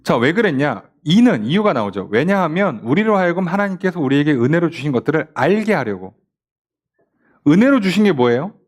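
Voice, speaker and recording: A pastor with a high, sing-song voice talks fairly quickly while leading a casual Bible study. Chatty and relaxed, he acts out quoted lines and often puts rhetorical questions to his listeners.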